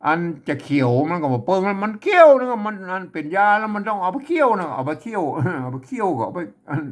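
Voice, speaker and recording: A man teaches how to read an old script. His voice sits fairly high and swings widely as he sounds out each word several times. He chuckles often between words. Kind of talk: casual reading lesson.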